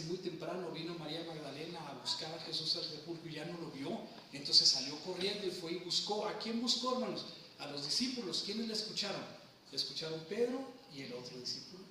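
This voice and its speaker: A man's voice: a little high, sharp tone, slight background noise. A man preaching a sermon, teaching scripture and asking his congregation questions as he goes. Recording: echoey room, from far off.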